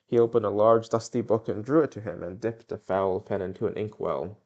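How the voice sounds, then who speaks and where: A man's voice: fairly low pitch, steady tone, a little fast, darkish tone, highs cut off. A young man reading a novel aloud in a plain way, with occasional stumbles and self-corrections. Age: young adult. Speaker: reader.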